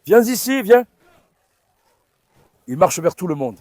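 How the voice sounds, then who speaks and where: A man talking casually in a vlog while coaxing and calming his dogs on a farm. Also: high voice, takes it slowly, no echo. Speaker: farm dog owner and vlogger.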